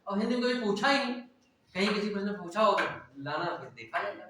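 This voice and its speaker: A man with a fairly high voice teaches a class, posing questions and answering them himself. He keeps checking in with the listeners. The recording is very echoey, and his voice comes from some distance from the microphone. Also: lively intonation, fast talker, pushed and bright, slight background noise. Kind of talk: classroom lecture. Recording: echoey room, voice from far off.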